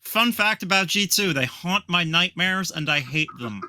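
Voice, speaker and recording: Bright, dry-sounding reaction video co-streamer. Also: mid-range voice, expressive, normal speed, dry recording. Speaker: esports co-streamer. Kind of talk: reaction video, casual esports commentary.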